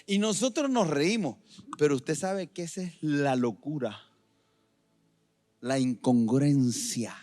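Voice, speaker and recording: A middle-aged man preaching a sermon as pastor in a church, moving between loud emphatic lines and quiet asides. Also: on the high side, slow, long pauses, soft background music.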